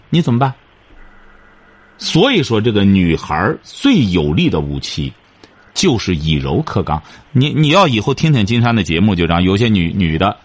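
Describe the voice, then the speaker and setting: A man's voice: medium pitch, fairly bright tone, slightly rough. A man hosting a radio advice show, lecturing a caller in an emphatic, repetitive way.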